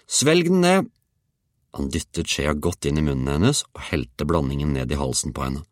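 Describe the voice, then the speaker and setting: A man reading a children's story aloud, with an expressive, playful delivery. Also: very deep voice, no echo, clean studio sound. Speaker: audiobook reader. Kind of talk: storybook narration.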